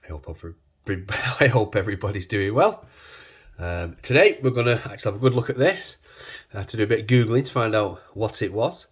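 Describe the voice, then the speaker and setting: Male video host, low and raspy with a man-flu cold, informal hands-on demo delivery, unscripted and halting. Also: lively intonation. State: congested with a cold, under the weather with man flu. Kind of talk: casual hands-on lock-picking demonstration.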